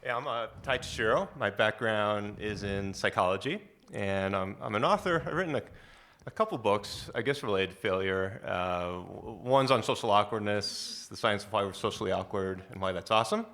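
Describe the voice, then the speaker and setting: A man's voice: fairly low pitch, moderate pace, a bit bright. A man who writes about psychology, introducing himself on a conference panel in a casual, wry way. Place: conference hall stage.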